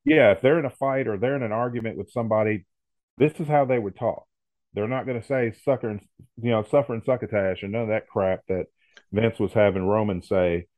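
A man's voice: lowish voice, fairly quick, darkish tone, dry recording. A man co-hosting a podcast in casual chat, easygoing and agreeable, often restarting his sentences. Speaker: podcast co-host. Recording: muffled phone-like audio.

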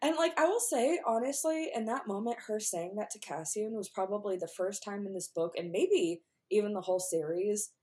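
A woman's voice: mid-range voice, normal speed, few pauses, a little mellow. A woman co-hosting a casual book podcast, talking animatedly and acting out characters' lines. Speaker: podcast co-host.

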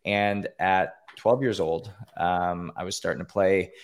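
Over a call-in line, a man from Canada appears as a podcast guest, sincerely recounting a personal story in interview format with frequent fillers and false starts. He speaks low-pitched, at a measured pace, with a steady, clean tone.

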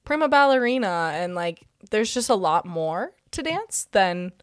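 A woman's voice: mid-range voice, very animated, unhurried, clear, resonant tone, no room sound, clean studio sound. A young woman and dancer, a podcast guest, chatting casually and giggly with many fillers. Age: young adult. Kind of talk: casual chat.

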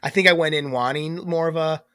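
Here a young podcast co-host speaks briskly in a slightly high voice, captured dry and at studio quality. Congested and animated, he wanders through casual chat and keeps cutting himself short.

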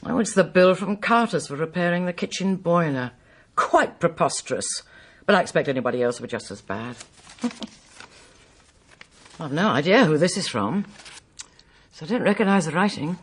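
A woman playing a commanding mistress of the house, low voice, husky, wide pitch swings. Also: lively intonation, normal speed, long pauses, a little hiss or hum, lightly acted. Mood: dry. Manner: crisp, authoritative. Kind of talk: radio drama acting.

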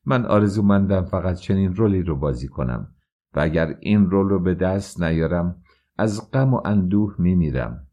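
A man reading aloud plays a proud young actress who speaks her mind with open scorn. The voice stays low and mellow, a storybook heroine who will not be bought. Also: expressive, lo-fi sound. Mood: proud, scornful. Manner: scornful, frank.

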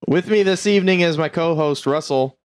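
A man hosting a casual movie review podcast, talking haltingly with many fillers and restarts. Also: a little high. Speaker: podcast host.

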